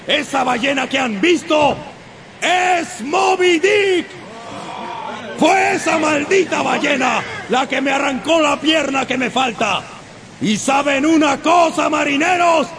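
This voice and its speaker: Brief: a furious obsessed sea captain, high strained bellow, slow deliberate delivery, crowd noise behind. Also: male voice, lively intonation, raised voice, exaggerated voice. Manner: roaring, commanding, furious. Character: vengeful one-legged sea captain, fierce and obsessed. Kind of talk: radio drama acting. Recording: radio drama with crowd and sound effects.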